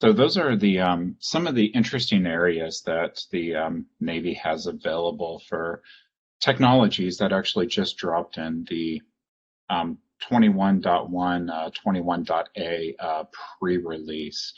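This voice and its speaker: Low, husky man moderating a video panel. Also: measured pace. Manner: conversational, filler-heavy wrap-up. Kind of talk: hosting a virtual panel. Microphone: video call. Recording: muffled video call audio.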